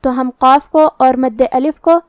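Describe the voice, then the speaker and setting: High-voiced woman teaching Quran recitation rules. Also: fairly even intonation, dry recording, studio quality. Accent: Pakistani Urdu. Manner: explains each rule methodically, then recites the word slowly. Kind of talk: step-by-step tajweed lesson.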